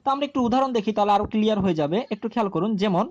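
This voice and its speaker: A woman teaching a grammar lesson to video viewers, explaining slowly and repeating key terms, often asking a question and answering it herself. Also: medium pitch, animated, a little mellow, highs cut off.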